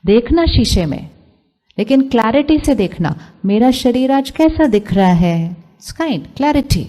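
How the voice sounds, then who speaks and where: A woman's voice: fairly high pitch, very animated, slow, mellow. An Indian woman giving a spiritual talk to a live audience, asking them questions and mixing English phrases into her speech. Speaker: spiritual speaker.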